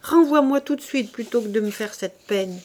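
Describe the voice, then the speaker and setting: A woman's voice: fairly high pitch, normal speed, a little mellow, natural voice. A woman reading an audiobook, voicing an anxious young woman who pleads near tears. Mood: pleading tearful.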